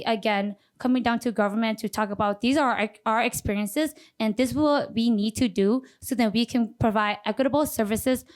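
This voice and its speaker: Higher-voiced woman, pageant contestant answering formally. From Minneapolis, Minnesota. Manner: pageant contestant delivery, formal and earnest, thanking before answering.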